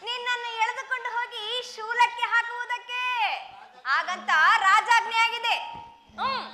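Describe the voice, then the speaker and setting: Woman playing a crafty disguised soldier, high and commanding, live village stage sound. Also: steady tone, unhurried, bright, forceful tone, a little hiss or hum, exaggerated voice. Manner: teasing, commanding stage delivery. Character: clever young woman disguised as a bossy soldier. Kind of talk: live folk stage drama. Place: open-air village street stage. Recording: echoey open-air stage, band music behind.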